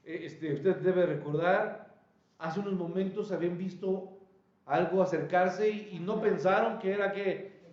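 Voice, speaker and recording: A man preaching a sermon, animated, calling out questions to his congregation. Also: high voice, a little slow, echoey room, muffled recording. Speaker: pastor. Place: church.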